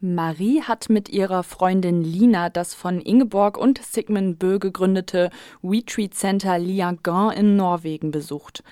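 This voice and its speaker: A young woman presenting on student radio, calm and measured as she introduces a report. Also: mid-range voice, no room sound, studio quality. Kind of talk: radio moderation. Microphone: studio microphone.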